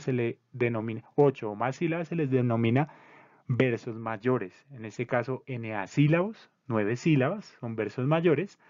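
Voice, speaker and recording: A man explains poetic terms like a patient teacher, reading definitions and examples one by one and now and then correcting himself mid-word. His voice sits at a middle pitch. The recording is dry, with almost no room sound, and dull, as if the highs were cut off. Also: darkish tone, no echo. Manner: measured and didactic, spelling out syllables, with occasional slips and restarts. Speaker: presenter of a literary discussion circle.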